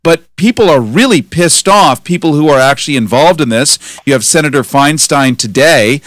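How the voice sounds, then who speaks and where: A man's voice: on the high side, lively intonation, normal speed, a bit bright, no room sound. A man hosting an interview, sarcastic and emphatic in his questions. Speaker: interviewer, host.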